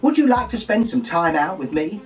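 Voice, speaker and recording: A man playing a gossipy, saucy pantomime dame in a camp, shrill, mock-scandalised voice, delivering a comic monologue. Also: very animated, moderate pace, distant mic, faint music behind. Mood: gossipy, dreamy. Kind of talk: comic monologue full of puns.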